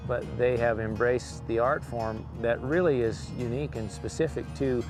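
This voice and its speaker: Reflective cowboy interviewee over music. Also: male voice, mid-range voice, steady tone, normal speed. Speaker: working cowboy and performer. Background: music under the voice.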